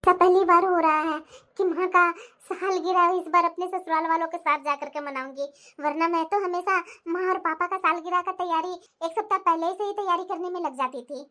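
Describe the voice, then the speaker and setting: A woman's voice: very high-pitched, fairly even intonation, a little fast, pushed and bright. A woman voicing a young, outspoken daughter-in-law in a cartoon who talks back and chats freely. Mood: cheerful. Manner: protesting, chatty. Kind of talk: animated cartoon voice acting.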